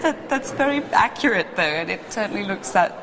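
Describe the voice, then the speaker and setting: A woman's voice: medium pitch, lively intonation, fairly quick. A woman speaking as an expert, explaining things informally to an interviewer. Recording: clear ambient noise.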